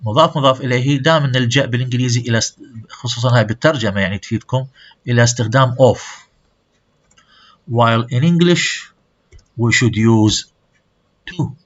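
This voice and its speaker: A man teaches a class at a middle pitch, stepping through examples as he moves between two languages. The recording is dull and a little lo-fi. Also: brisk, pauses often. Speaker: language lecturer. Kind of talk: classroom lecture mixing Arabic and English.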